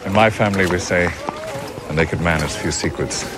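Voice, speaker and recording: An actor playing a cold, menacing middle-aged nobleman in a TV drama clip, speaking quietly. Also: low-pitched, normal speed, lightly acted. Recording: TV clip with clear background noise.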